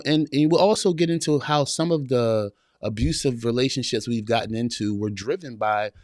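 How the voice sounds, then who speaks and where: A medium-pitched man in his forties hosts a live podcast stream from a small room at home, captured with clean studio sound and no room sound. He talks with a preacher-like rhythm, repeating phrases and greeting his viewers.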